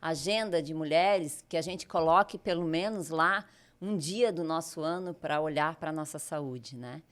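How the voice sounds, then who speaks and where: A woman leads a podcast conversation in a low voice. She is reflective and thinks aloud as she gathers lessons from what she hears. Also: measured pace. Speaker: interviewer.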